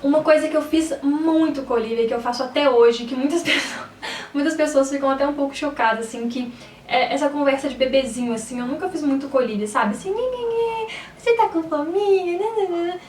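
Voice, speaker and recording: A woman's voice: high voice, fast talker, a little mellow, echoey room, distant mic, slight background noise. A woman in her twenties with a Brazilian Portuguese accent, a mother giving chatty advice in a casual vlog and often checking in with the listener. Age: 20s. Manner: chatty, keeps checking in with "sabe?". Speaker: mother giving parenting tips.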